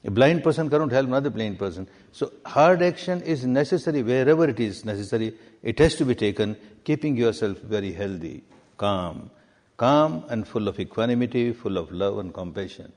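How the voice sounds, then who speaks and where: A man from Myanmar, a meditation teacher answering questions in a deliberate way and repeating key words for emphasis. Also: mid-range voice, animated, darkish tone. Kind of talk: answering questions in a spiritual talk. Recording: long reverb of a hall.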